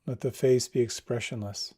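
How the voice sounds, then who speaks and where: A man leading a guided meditation, giving slow, soft, soothing instructions. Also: mid-range voice, fairly even intonation, slightly rough.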